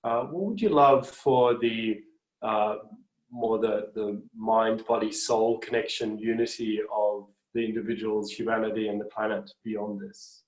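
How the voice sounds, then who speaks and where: A man's voice: on the low side, level tone, measured pace, darkish tone. A man hosting an interview, affirming his guest and asking lofty questions with hesitant fillers. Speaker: interview host. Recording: roomy echo.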